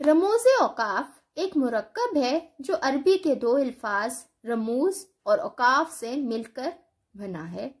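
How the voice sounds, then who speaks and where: High-voiced woman teaching grammar. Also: animated. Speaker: Urdu teacher. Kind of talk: scripted educational lecture.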